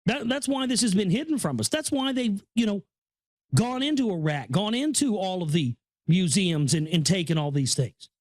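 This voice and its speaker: Sounding awed and earnest, a man reads a book aloud with a casual running commentary, stammering, rambling and circling back over phrases. His high-sitting voice has lively intonation and a moderate pace, with no echo.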